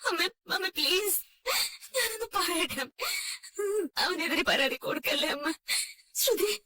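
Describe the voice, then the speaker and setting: A woman's voice: very high-pitched, brisk, fairly bright tone. A woman voicing a tearful young wife who begs her in-laws for her brother in a dubbed TV serial. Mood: pleading. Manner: pleading, on the edge of tears.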